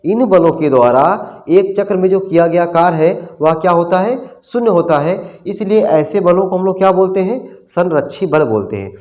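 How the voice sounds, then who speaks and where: A male physics teacher with a voice a little higher than most men's. He drills his class by asking a question and answering it himself, repeating each term several times, and he keeps it friendly by calling the students brother. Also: lively intonation, normal speed, hardly any pauses, darkish tone. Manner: asks questions and answers them himself, repeating key terms; casual, calls students brother. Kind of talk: classroom lecture.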